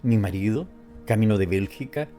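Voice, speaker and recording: A man's voice: lowish voice, moderate pace, warm tone, faint music behind, natural voice. A man voicing a distraught young bride who pleads through tears. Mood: tearful. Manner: pleading, tearful.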